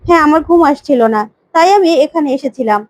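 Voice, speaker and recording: A woman's voice: sits high, lively intonation, fast, darkish tone, no echo. A woman voicing a grieving young widow, hot-tempered and defiant, speaking in an agitated, accusing way. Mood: startled.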